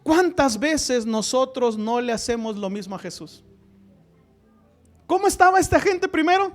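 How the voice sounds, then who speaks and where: A man delivers a sermon in a strikingly high voice. He presses his points with rhetorical questions, rising loud and then dropping to a hush. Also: lively intonation, a little slow. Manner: emphatic, rhetorical questions, swings between loud and hushed. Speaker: preacher.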